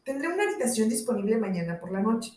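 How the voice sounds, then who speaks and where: Lively farm landlady, read by a woman. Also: fairly high pitch, fast talker. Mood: friendly. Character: Welsh farm landlady, youngish, friendly and lively. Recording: roomy audio from a distant mic.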